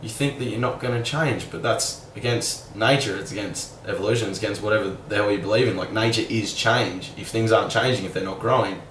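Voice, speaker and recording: A man's voice: fairly low pitch, fairly quick, few pauses, fairly bright tone. A young man, musing casually and candidly in a rambling vlog monologue full of "like". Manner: rambling, candid, fillers like "like", mild swearing. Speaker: vlogger. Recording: roomy sound, a bit far from the mic, faint background hum.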